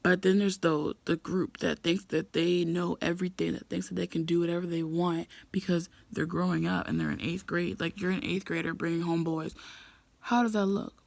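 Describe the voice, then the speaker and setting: A woman's voice: on the low side, level tone, moderate pace, creaky, no echo. An eighteen-year-old woman telling a storytime vlog, ranting in an exasperated way. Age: young adult, 18. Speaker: vlogger.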